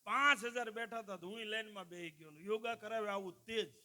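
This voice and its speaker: A man's voice: sits high, fairly quick, bright, forceful tone. A man, telling jokes and folk stories live to an audience and addressing the crowd as "saheb". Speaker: stand-up folk comedian at a dayro. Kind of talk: live comic storytelling to an audience.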